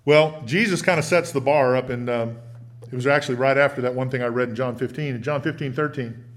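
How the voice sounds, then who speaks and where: This man's voice booms through the church sanctuary as he delivers a sermon in a chatty, folksy style. He's a preacher teaching the congregation, and he eases his pace to stress each line of scripture he reads.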